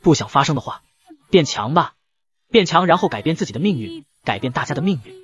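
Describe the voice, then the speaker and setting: A man's voice: fairly high pitch, very animated, fast talker, highs cut off. A man doing a cold, curt young lightning fighter. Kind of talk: storytelling narration of a comic.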